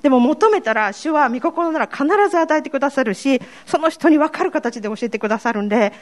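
A woman's voice: high-pitched, expressive, fairly quick. A woman with a Kansai accent giving a personal faith testimony to a congregation, telling her story in a candid, self-deprecating way. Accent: Kansai Japanese. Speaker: church member giving testimony.

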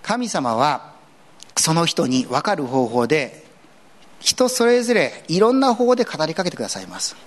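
A man pastor giving an earnest sermon in a conversational way, with casual asides mixed in. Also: normal speed. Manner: earnest, conversational preaching with lively swings in pitch.

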